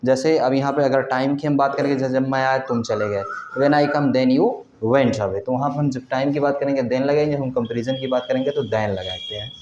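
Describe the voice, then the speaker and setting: A man lectures on English grammar in a classroom with a board, drilling his students with repeated questions. His mid-range voice is steady, fairly quick, and darkish in tone, with slight background noise in a roomy, dull recording.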